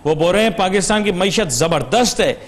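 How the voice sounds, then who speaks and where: A man's voice: sits high, animated, a little fast. A man from Pakistan hosting a TV business talk show, who needles his guest with sarcastic, provocative challenges.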